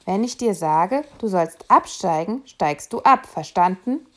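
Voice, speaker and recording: A woman reading aloud, voicing a loud, impatient male tram conductor who scolds a boy. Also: a little high, a little slow, lightly acted. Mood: bossy. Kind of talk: audiobook reading.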